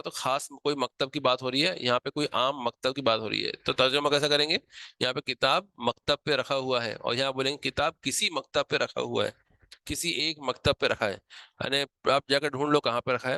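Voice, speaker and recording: A man's voice: medium pitch, pushed and bright, no room sound. A man teaching a grammar lesson, explaining patiently step by step and repeating key points.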